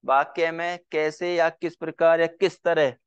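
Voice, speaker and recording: A man teaches a grammar class and dictates each phrase slowly, repeating it several times so the students can copy it down. His voice sits a bit high and sounds smooth and clear. The recording is dry and slightly dull. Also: fairly even intonation.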